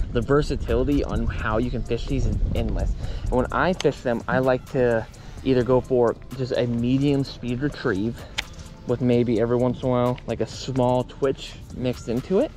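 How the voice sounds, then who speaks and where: A man on a boat explaining fishing lures in a relaxed, casual way, often saying "man", recorded on a body-worn action camera outdoors. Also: medium pitch. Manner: laid-back, says "man" often. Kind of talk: casual outdoor how-to talk. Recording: outdoor camera audio with steady noise.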